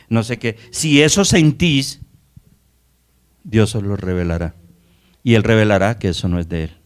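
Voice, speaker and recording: A man's voice: on the low side, clean tone. A man from Colombia preaching a Sunday Bible study sermon as pastor, asking the congregation rhetorical questions.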